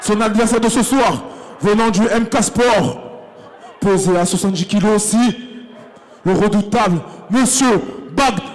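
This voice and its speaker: A man in the manner of a boxing ring announcer, introducing fighters theatrically with drawn-out names. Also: high-pitched. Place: live fight event arena. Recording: noisy PA in a crowded arena. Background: crowd and event noise.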